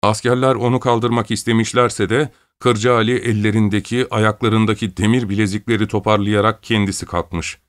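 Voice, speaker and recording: A man reading an audiobook, telling the story in a measured, steady way and lifting his voice a little for the characters' quoted lines. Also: on the low side. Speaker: audiobook narrator. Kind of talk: scripted audiobook narration.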